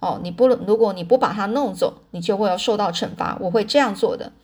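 A woman's voice: mid-range voice, brisk, darkish tone, slightly rough, lightly acted. A woman voicing an alarmed, strict farm mother who scolds in a raised voice in a storybook reading. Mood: stern.

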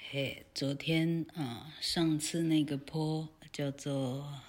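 Slow, low-voiced woman teacher. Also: steady tone, darkish tone. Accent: Taiwanese Mandarin. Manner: chatty, frequent filler "ha", self-correcting; spells out words letter by letter. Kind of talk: casual lesson on a picture book.

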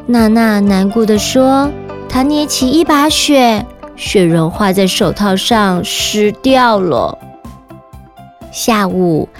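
A woman with a Taiwanese Mandarin accent telling stories to children as a kids show host, speaking directly to little listeners. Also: fairly high pitch. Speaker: children's story podcast host and narrator. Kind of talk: storytelling narration for children.

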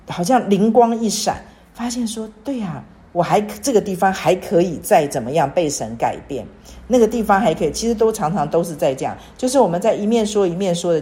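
Low-voiced earnest woman in her sixties. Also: dark tone. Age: 60s. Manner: earnest, repetitive, pleading. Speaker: church speaker. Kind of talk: devotional teaching.

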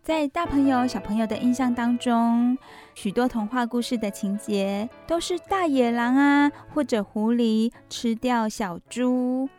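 A woman with a Taiwanese accent hosting a children's bedtime story show, speaking directly to young listeners with questions and soft sentence endings. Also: a little high, unhurried, faint music behind.

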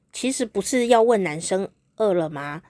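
A woman's voice: mid-range voice, expressive, unhurried, mellow, no echo, studio quality. A woman hosting a podcast, telling a story in a chatty, playful way and laughing often. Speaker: podcast host. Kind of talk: casual storytelling monologue.

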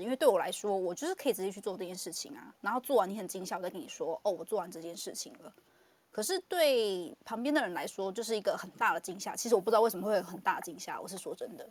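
A woman hosting a relaxed conversation streamed live from an online audio room. She talks at a brisk clip, animated and quick to laugh, with plenty of filler words. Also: medium pitch, no room sound. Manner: fast, animated, laughs often, many fillers. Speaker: podcast host.

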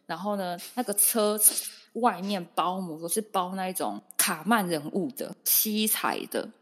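A woman's voice: fairly low pitch, a little slow. A young woman, co-hosting a podcast and dramatically retelling a story in casual chat. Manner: lively, dramatic retelling with acted-out asides. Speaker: podcast co-host.

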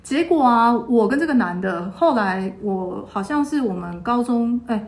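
Woman telling a lively story. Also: moderate pace, echoey room. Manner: lively retelling, acting out quoted voices with pitch jumps. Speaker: podcast co-host. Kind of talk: casual storytelling chat.

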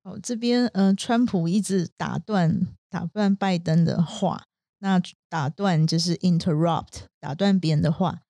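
A woman with a warm, mellow tone co-hosts an English vocabulary lesson. She defines each word patiently, step by step. Her voice is recorded dry and close. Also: fairly low pitch, a little slow, creaky, no echo. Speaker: co-host teacher.

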